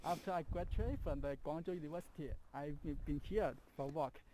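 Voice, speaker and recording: A man's voice: fairly high pitch, brisk, dark tone, rough recording. A young man from southern China, interviewed outdoors as a staff guide and giving short, simple answers. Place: outdoors on a snowy stretch of the Great Wall.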